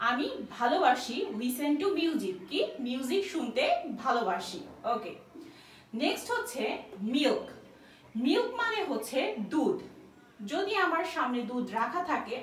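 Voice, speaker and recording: A woman teaching an English lesson, explaining step by step and repeating each example sentence slowly and clearly. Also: sits high, a bit bright, distant mic, slight background noise. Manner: slow, drawn-out repetition of English example sentences. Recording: echoey room, voice somewhat off-mic.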